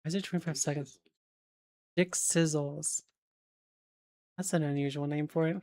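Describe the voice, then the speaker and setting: A woman's voice: low voice, steady tone, racing, warm tone, no echo. A woman streamer chatting casually, rambling with lots of fillers and the odd swear, checking facts aloud as she goes.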